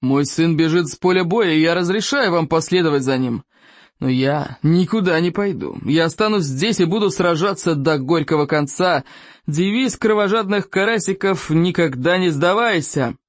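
Storybook viking chief, gruff and booming, slow weighty lines, lively swings in pitch, played by the book's reader. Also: no room sound, lightly acted. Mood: solemn. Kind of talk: audiobook character voice.

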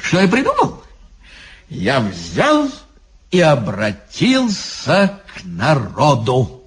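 A man's voice: a little high, sing-song, slow pace, husky, full character voice. A man voicing a pompous, giggling old sage who lectures the young in a fussy, sugary way. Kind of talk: audiobook character reading.

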